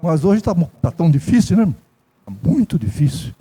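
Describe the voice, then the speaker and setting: A man's voice: a little high, big pitch swings, normal speed, dark tone, husky. An older man preaching a folksy sermon in a church with a Brazilian accent, telling stories and repeating himself. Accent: Brazilian Portuguese.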